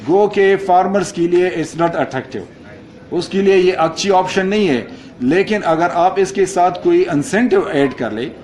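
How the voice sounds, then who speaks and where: A man's voice: fairly high pitch, a little mellow. A man presenting a project report slide by slide, mixing English into his speech with many hesitations and frequent "sir". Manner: mixes English phrases into Urdu, many fillers, addresses listener as sir.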